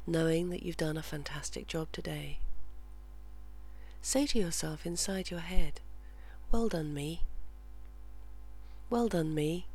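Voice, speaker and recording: Very slow, soothing, half-whispered relaxation voice. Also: medium pitch, darkish tone. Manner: soothing, measured, slipping in and out of whisper. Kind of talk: slow guided relaxation and soft poetry reading, often whispered. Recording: clearly audible hum and background noise.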